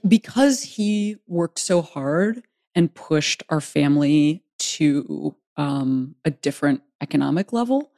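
A woman's voice: sits low, darkish tone, no echo, studio quality. A middle-aged woman hosting a casual conversation, chatty with wry, self-deprecating humor. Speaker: host.

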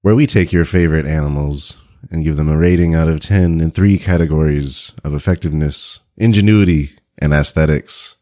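A man co-hosting an animal podcast, hoarse and froggy from a cold, laid-back and quick to laugh. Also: mellow, no room sound, studio quality. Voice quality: froggy, rumbling low voice. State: sick and hoarse. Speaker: podcast co-host. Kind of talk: casual podcast chat.

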